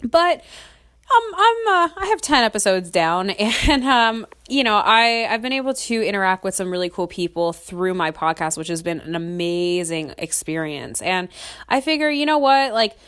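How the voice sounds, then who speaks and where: This young adult woman hosts a casual solo podcast in a medium-pitched, expressive, slightly bright voice with a clean tone, talking at normal speed. She has a cold and sniffles, and her chatty, rambling delivery is full of "um"s and frequent little laughs.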